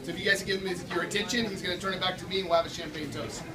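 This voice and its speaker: A man's voice: high voice, little pitch movement, racing, a crowd in the background. A man hosting a gallery event, giving a sales presentation to guests and repeating phrases for emphasis. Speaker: gallery art dealer hosting a show opening. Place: gallery room at a live event. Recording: distant mic, noisy room.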